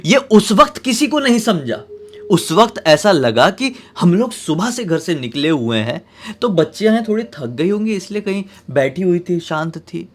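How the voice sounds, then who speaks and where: A man telling a horror story in a casual, dramatic way, swinging between loud bursts and hushed tones. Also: high-pitched, big pitch swings, moderate pace.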